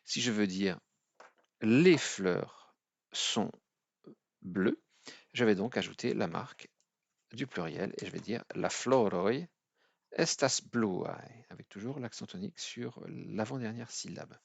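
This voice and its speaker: A man from France teaching a language lesson at a board, hesitant with many fillers, slowing down to spell out each example word. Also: lowish voice, gravelly, no echo. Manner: slow, careful spelling-out of example words. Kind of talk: explaining at a whiteboard.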